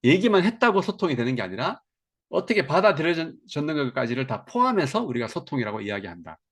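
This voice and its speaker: A middle-aged man giving a seminar lecture on counseling to teachers, asking his audience questions as he explains. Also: mid-range voice. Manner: animated, asks the audience questions.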